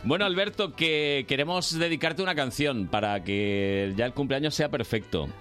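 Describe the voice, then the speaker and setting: A man's voice: medium pitch, normal speed, fairly bright tone. A man hosting a radio morning show with casual, playful, teasing and exclamatory chat, recorded in a studio. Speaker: radio host. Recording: music playing behind.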